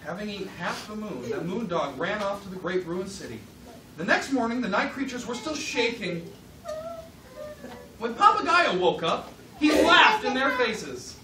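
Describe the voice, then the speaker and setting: A medium-pitched woman swings her voice widely at normal speed while dramatically telling a live story to children at a puppet show. She feeds them brief lines to say back, and the recording is distant, roomy and noisy.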